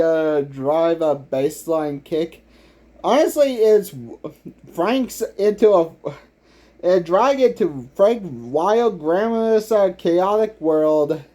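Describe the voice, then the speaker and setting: A man giving unscripted commentary as a YouTuber, halting and filling nearly every pause with "uh" as he restarts his sentences. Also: sits high, warm tone. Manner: halting, full of "uh" fillers and restarts. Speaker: YouTuber ranking villain songs.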